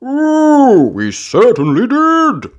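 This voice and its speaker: A genial, gently cautious father pig from a storybook, put on by a woman. Phrases swoop widely and stretch out slowly into reassurance. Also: on the high side, wildly swooping pitch, pitched above the performer's own voice, exaggerated voice. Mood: pleased.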